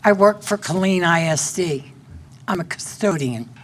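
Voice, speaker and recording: A woman's voice: fairly low pitch, unhurried, a little hiss or hum. A woman in her sixties with a Central Texas accent, pleading plainly during public comment at a city council meeting, speaking into a podium microphone. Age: 60s.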